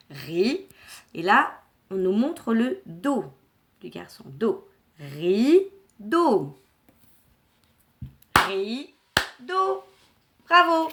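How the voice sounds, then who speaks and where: Slow, bright-voiced teacher talking to children. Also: female voice, mid-range voice. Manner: warm, encouraging, slow and clearly articulated; syllables stretched and repeated for children. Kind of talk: classroom lesson for young children.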